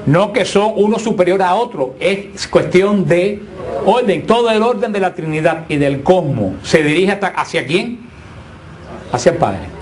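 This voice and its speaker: A man teaching a Bible class who explains points slowly, often asks his listeners questions and repeats himself. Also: high voice, lively intonation.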